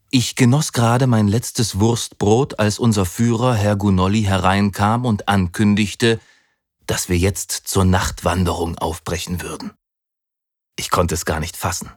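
A man reading a children's story aloud in an expressive, dramatic way. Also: on the low side, no echo, clean studio sound.

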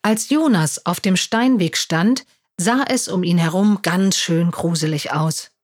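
A woman reading a children's story aloud in a clear, steady voice. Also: on the low side, a little slow.

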